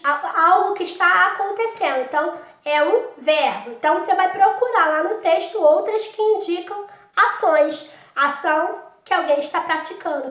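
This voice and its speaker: Very high-voiced Brazilian teacher, echoey room. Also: female voice, a bit bright. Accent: Brazilian Portuguese. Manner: patient, speaks straight to the child, fond of diminutives. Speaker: primary school teacher. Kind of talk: recorded workbook lesson for young children. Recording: roomy echo.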